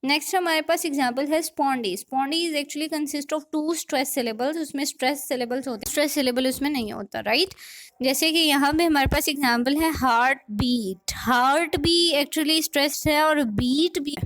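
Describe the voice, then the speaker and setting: High-voiced woman teaching a poetry lesson. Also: fairly bright tone. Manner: explains slowly, repeats points, checks with "theek hai?". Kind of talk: explanatory lesson.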